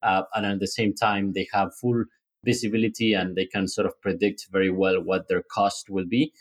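A man's voice: deep voice, little pitch movement, normal speed. A man speaking as a startup founder in a conversational interview, explaining things and often repeating words as he goes. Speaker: startup founder interviewed about his company.

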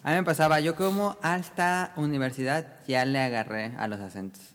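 A man's voice: a little high, fairly quick, fairly bright tone, big-room sound, faint music behind. A man hosting a casual podcast chat, steering the conversation and asking the others questions. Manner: moderating, steering the segment. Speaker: podcast host.

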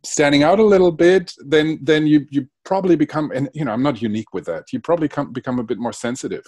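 This Spanish-speaking guest from Germany has a fairly high, darkish voice and talks fast, though he hesitates and keeps restarting. It's a reflective interview, recorded dry without echo.

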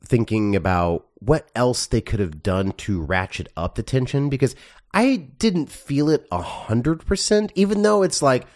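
A man's voice: mid-range voice, animated, a little slow, darkish tone. A man co-hosting a casual movie podcast, thinking aloud in a hesitant way with many restarts. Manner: thoughtful, hesitant, restarts often. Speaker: podcast co-host, film reviewer. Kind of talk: casual chat.

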